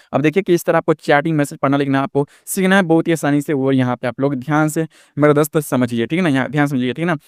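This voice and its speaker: A man's voice: a little high, clear, resonant tone, dry recording, studio quality. A man teaching a lesson step by step, repeating himself and asking the listener rhetorical questions. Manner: repetitive, constantly asks rhetorical questions. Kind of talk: screen-recorded lesson.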